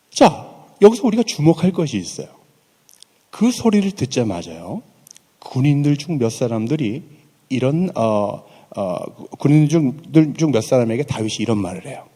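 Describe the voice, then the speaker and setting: A man preaching a sermon in a chapel, telling a story with animated, acted-out dialogue in everyday slang. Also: medium pitch, normal speed, pauses often. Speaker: pastor. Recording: long hall reverb in a chapel.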